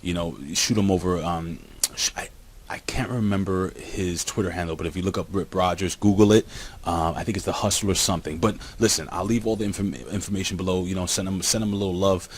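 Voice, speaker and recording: A man casually reviewing a wrestling show for his viewers, rambling and excitable, talking straight to the camera. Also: sits low, fast, slightly rough.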